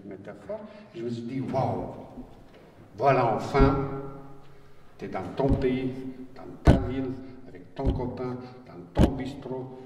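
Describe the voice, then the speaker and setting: A man with a Bosnian accent tells his stories in a halting way, repeats his words, and slips in wry humor. He is picked up from some distance by the mic. His voice rings out in a large hall with a long reverb. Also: mid-range voice. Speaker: writer on a panel. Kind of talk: personal storytelling talk. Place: conference hall. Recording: roomy hall, distant mic, faint noise.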